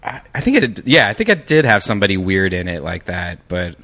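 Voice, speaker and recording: A man's voice: sits low, very animated, brisk, bright, forceful tone. A man co-hosting a podcast, talking in an offhand, wry way. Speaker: podcast co-host. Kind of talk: casual podcast chat.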